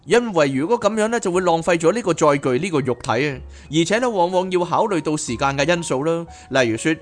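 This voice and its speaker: A man reads a book aloud as podcast host and breaks off into animated, chatty asides. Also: on the high side, fast talker. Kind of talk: reading a book aloud with commentary.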